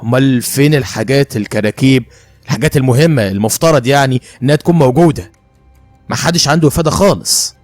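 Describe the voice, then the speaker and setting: A man with an Egyptian accent narrating a first-person story in a brisk, conversational way. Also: mid-range voice, darkish tone, no echo, faint music behind.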